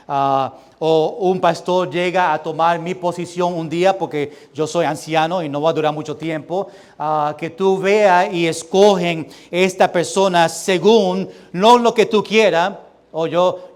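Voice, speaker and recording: A young man with a Puerto Rican Spanish accent preaching a sermon as pastor, reading scripture slowly and loudly and dropping to quieter asides. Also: a little high. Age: young adult. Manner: reads scripture slowly and loudly, then drops to soft asides.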